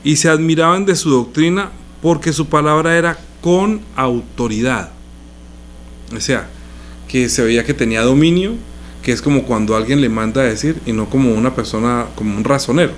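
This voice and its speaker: A man's voice: medium pitch, normal speed, slight background noise. A male pastor teaching a sermon in a conversational way, explaining scripture with everyday examples.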